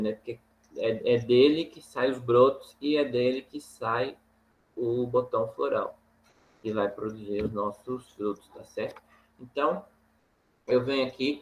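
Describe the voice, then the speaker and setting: A man teaching a farming course over slides, talking in a halting way with many fillers and tag questions. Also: medium pitch, low-quality recording. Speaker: agronomy instructor.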